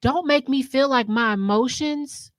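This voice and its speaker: A woman's voice: high voice, a little slow, no room sound. Earnest woman hosting a podcast. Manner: earnest, repeats points for emphasis. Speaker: podcast host. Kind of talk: casual podcast conversation.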